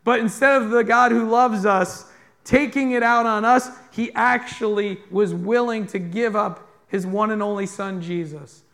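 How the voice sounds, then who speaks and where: A man's voice: high-pitched, fairly even intonation, measured pace, a bit bright. A male pastor delivering a sermon to a congregation, earnest and direct, often putting questions to his listeners. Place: church in front of a congregation.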